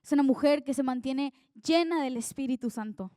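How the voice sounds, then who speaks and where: Woman preacher, young adult, earnest conversational sermon, warm smooth voice, dry close sound. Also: sits high, a little fast, no echo.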